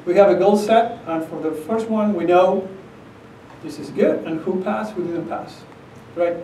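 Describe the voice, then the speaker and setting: Speaking a little slowly in a dark-toned voice set somewhat higher than most men's, a middle-aged man with an Argentine Spanish accent gives an academic talk at a podium. He's conversational and emphatic and checks in with the audience often. The sound is roomy, picked up from across a conference room with a projector screen, with slight background noise.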